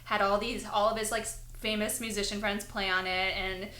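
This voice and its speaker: A woman's voice: mid-range voice, flat delivery, a little fast, pushed and bright. A young woman from London raised in Los Angeles, chatting as a musician guest, rambling with lots of "like" and frequent giggles. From born in London, raised in Los Angeles. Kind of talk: casual interview chat. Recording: echoey room with faint ambience.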